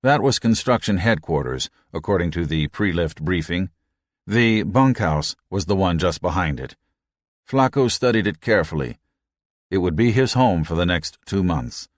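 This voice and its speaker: A man reading an audiobook in a measured, even narration. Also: sits low, no room sound, clean studio sound. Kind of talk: scripted narration.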